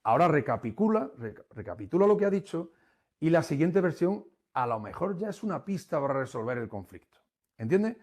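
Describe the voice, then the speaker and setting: A man giving a webinar lesson, animated and emphatic, swinging between loud and soft and repeating key phrases. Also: a little high, brisk. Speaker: webinar instructor. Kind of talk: lecture on conflict resolution. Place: online webinar.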